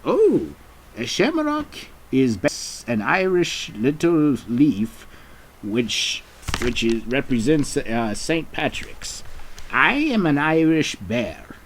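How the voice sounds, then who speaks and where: A man voicing a friendly male Irish toy bear in a homemade puppet drama, explaining things in a halting, rambling way. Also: medium pitch, sing-song, a little hiss or hum. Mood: chatty.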